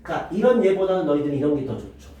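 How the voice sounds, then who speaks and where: Animated male math teacher in echoey room. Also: fairly high pitch, quick pace, recorded from a distance, slight background noise. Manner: lively, quizzing students with rhetorical questions. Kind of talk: classroom lecture.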